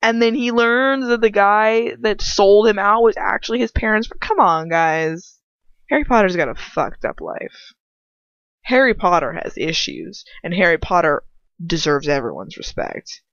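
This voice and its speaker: Animated and fairly bright, a woman's mid-range voice moves at a measured pace as she comments on fan fiction as an amateur. She rambles bluntly, sarcastic and exasperated, swearing freely, in a dry, dull lo-fi home recording with no room sound.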